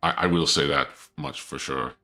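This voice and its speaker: Live-streaming a game, a man chats casually with viewers while playing up a playful dark-lord persona. He has a cold that makes him sniffly, and he often trips over his words. His voice is very deep and steady at a moderate pace, with soft music underneath.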